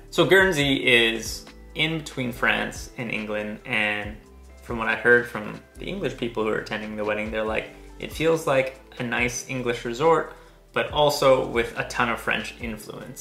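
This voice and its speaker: Gravelly man telling a story in an echoey room. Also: mid-range voice, moderate pace, pushed and bright, soft background music. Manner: chatty, detail-heavy storytelling. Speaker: co-host. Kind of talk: casual chat.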